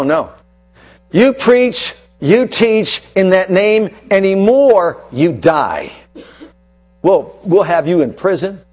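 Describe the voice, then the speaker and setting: A man preaching a sermon, repeating phrases for emphasis and swinging between loud declarations and hushed asides. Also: high-pitched.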